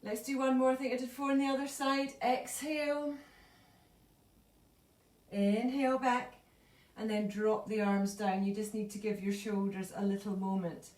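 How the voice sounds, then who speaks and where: Yoga teacher lady, highish voice, a bit out of breath, sounds far off in a roomy space. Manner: calm, slow cueing of breath and movement. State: a little out of breath. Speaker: yoga instructor. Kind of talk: live online yoga class instruction. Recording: echoey room, voice from far off.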